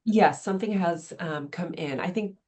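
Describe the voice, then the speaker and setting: A woman moderating an online workshop, relaying a question in a measured way. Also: on the low side, a little mellow.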